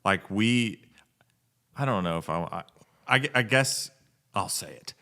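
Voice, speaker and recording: A man co-hosting a casual business podcast, talking in a reflective, measured way and coming back to the same key phrases. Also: on the low side, animated, pushed and bright. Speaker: coffee company co-owner, podcast host.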